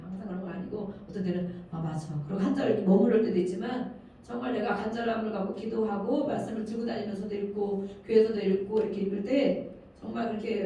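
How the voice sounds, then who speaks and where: An older woman pastor preaching an earnest sermon, her voice swelling loud on key phrases and then dropping low. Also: a little hiss or hum. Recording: very echoey room, speaker far from mic.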